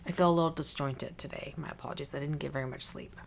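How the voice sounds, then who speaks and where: Speaking fast in a low, gravelly voice with a steady tone, a beauty vlogger chats informally to camera and tends to wander into tangents. She's slightly congested and has a cough drop in her cheek, and the recording carries a little hiss or hum.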